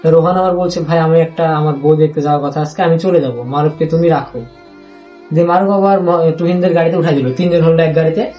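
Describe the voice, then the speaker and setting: A young man with a Rajshahi Bengali accent, haltingly recounting a personal story, with many restarts and repeated phrases. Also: a little high, fairly even intonation, mellow, soft background music. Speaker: interviewee.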